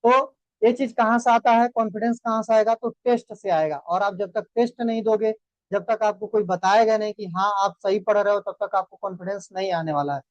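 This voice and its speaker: A man's voice: high voice, steady tone, fairly quick, dry recording. Lecturing male biology teacher. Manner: lecturing, addresses students as beta; repeats "thik hai na" checks. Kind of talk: motivational class talk. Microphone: online class mic. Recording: dull dry sound.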